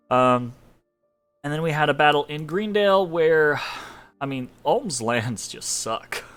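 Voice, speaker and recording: With a mid-range, fairly bright voice that comes across clear and resonant, a young man offers relaxed, meandering commentary on a strategy game. Allergies leave him congested and sniffly, and he fills the talk with fillers and small laughs.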